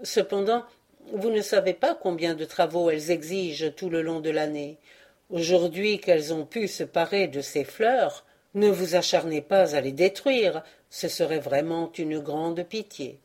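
A woman's voice: low-pitched, a little slow, darkish tone. A woman reading aloud and voicing a humble old male Chinese gardener, deferential and imploring in a storybook. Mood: pleading. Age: older. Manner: deferential, imploring, bursts out in anguish.

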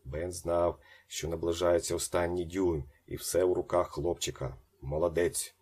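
Low, husky male audiobook narrator. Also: little pitch movement. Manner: acts out the shouted lines, then drops to a slow hush. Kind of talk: dramatic audiobook reading.

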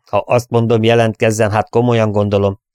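A man's voice: fairly low pitch, level tone, darkish tone, smooth, dry recording, clean studio sound, natural voice. A man doing a stern bomber captain. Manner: commanding, clipped orders.

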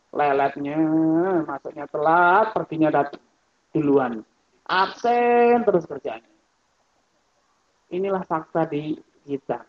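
A man giving a religious study lecture on economics. He talks in a lively, rhetorical way, addresses his listeners directly, and mimics the people he quotes. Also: high-pitched. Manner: mimics other people's voices when quoting them. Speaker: Islamic scholar and lecturer. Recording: muffled lo-fi lecture recording.

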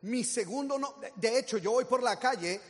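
A man's voice: extremely high pitch, normal speed, in a large hall. A man giving a motivational talk, telling stories animatedly and acting out quotes. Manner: animated storytelling with acted-out quotes. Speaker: motivational speaker.

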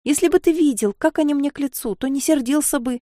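A woman's voice: a little high, expressive, moderate pace, warm tone, no echo, clean studio sound, voice pushed up, lightly acted. A woman voicing a naive sixteen-year-old maid, dreamy and tearful, who chatters in a breathless, pleading way. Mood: tearful distressed.

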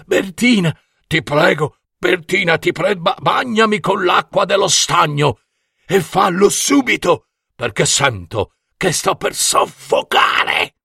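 A man's voice: on the low side, expressive, takes it slowly, creaky, fairly bright tone, no room sound, clean studio sound, voice pushed down, full character voice. A man voicing a talking male eel in a storybook fairy tale, urgent and begging for help. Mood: pleading. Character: male eel who becomes an anaconda, urgent and pleading.

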